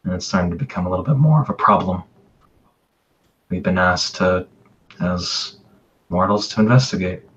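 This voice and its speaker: An earnest young woman adventurer, played by a man who explains things with a little hesitation. The voice is deep for her. The audio is slightly dull, with faint noise behind. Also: normal speed, pauses often, a bit bright. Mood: explaining.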